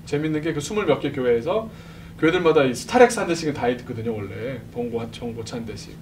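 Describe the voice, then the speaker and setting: A man telling a lively testimony to a church congregation, acting out the voices of the people in his story and laughing often. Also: medium pitch, quick pace. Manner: animated, acts out quoted voices, laughs often. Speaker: speaker at a church service. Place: church sanctuary. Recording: distant mic with background noise.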